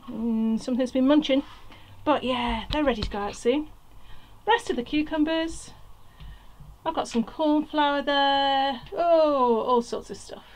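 This allotment vlogger has a high voice and talks in a relaxed, chatty way, thinking aloud as she works potting plants in a small greenhouse. The casual gardening vlog is captured by a nearby tripod-mounted camera, giving rough audio with slight hiss or hum.

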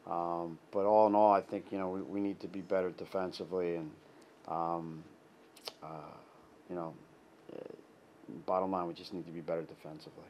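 A middle-aged man, a head soccer coach, giving a halting post-game interview full of restarts and fillers. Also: low-pitched, little pitch movement, a little mellow, dull audio, slight background noise. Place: indoor press backdrop. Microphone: clip-on lapel mic.

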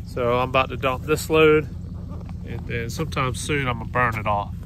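This casual vlog features a thirtyish man who runs a tree service and rents dumpsters, speaking in a mid-range voice at a moderate pace. He sounds folksy and easygoing and uses "y'all." He's outdoors at a job site with his phone at arm's length, and faint noise sits behind his voice.

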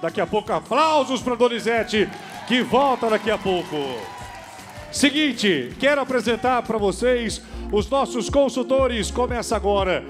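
Man, TV host, high voice, excited, studio with music behind. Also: measured pace. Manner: excited, shouting to audience. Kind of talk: lively TV variety hosting.

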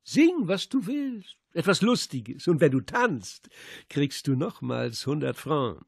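A man's voice: mid-range voice, animated, normal speed, creaky, darkish tone, husky, dry recording, studio quality. A man voicing a cruel, mocking Czech man who taunts a police inspector, reading it as part of an audiobook. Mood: taunting. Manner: mocking and contemptuous.

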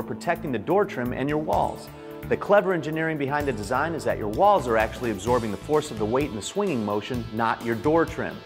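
A man reading a scripted commercial voice-over in an upbeat selling manner. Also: medium pitch. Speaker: announcer.

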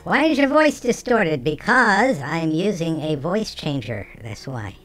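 A game streamer talking through a voice changer that shifts the pitch, chatting casually with viewers while playing. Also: sing-song, unhurried, a bit bright, faint music behind. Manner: chatty, talks to chat between game actions. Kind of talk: casual let's-play chat with viewers.

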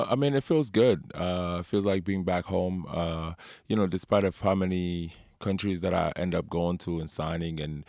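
A man in his thirties from Sudan, a basketball player, talking in a relaxed, unhurried way with drawn-out fillers in a studio. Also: low voice, dry recording. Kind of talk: casual interview talk. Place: home studio with guitars and keyboards. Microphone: studio mic with headphones.

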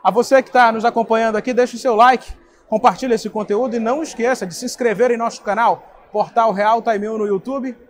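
A man's voice: very high-pitched, fairly even intonation, brisk, slight background noise. A young man, interviewing a guest at a trade fair booth on a lapel mic. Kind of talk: event interview.

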